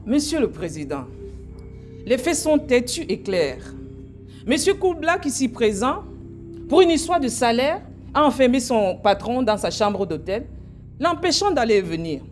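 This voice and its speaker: A woman's voice: fairly high pitch, sing-song, measured pace, soft background music. A woman acting as a lawyer in a comedy courtroom sketch, pleading firmly before the judge. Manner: firm, declamatory. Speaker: actor playing a lawyer.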